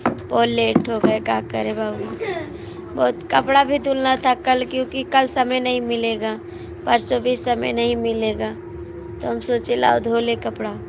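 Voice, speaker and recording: A woman's voice: on the high side, level tone, unhurried, gravelly, background noise. A woman with a cough and cold, chatting casually and teasing viewers on a live stream, laughing often, with an Awadhi accent.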